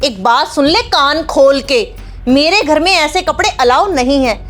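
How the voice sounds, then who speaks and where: A woman's voice: sits high, measured pace, a bit bright, faint music behind. A woman playing a strict, domineering mother-in-law in a family drama skit, scolding and bossy.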